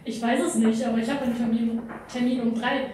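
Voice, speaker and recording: A flustered male banker, fussy and overly polite, read by a woman at a live staged reading. The voice sits fairly high and rings through a big echoey hall from afar. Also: little pitch movement, brisk, darkish tone, slight background noise, natural voice. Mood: anxious. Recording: echoey hall recorded from far off.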